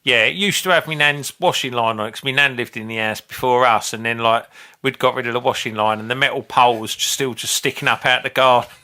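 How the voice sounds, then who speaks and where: A man co-hosting a comedy podcast, chatting in an animated, sweary way. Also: medium pitch, fast. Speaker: podcast co-host. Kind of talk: casual comedic banter.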